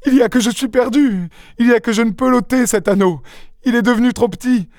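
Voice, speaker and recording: A terrified young noblewoman pleads and sobs in a high, strained voice, put on by a male reader. The lines come frantic and breathless. The recording is close and dry, with no room sound. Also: sing-song, slow, a little mellow, no room sound, heavily acted. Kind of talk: audiobook character reading.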